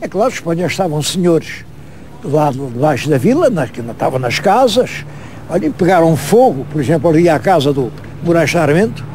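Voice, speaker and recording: A man's voice: a little high, very animated, fairly quick, a little mellow, slight background noise. A man with a European Portuguese accent, a history presenter who tells a local story vividly and speaks directly to his viewers. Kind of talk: storytelling to camera on location.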